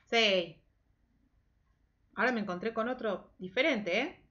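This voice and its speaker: A woman English teacher giving a slow, patient children's lesson from home, drilling phrases over and over and mixing English and Spanish. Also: fairly high pitch, fairly bright tone, muffled recording.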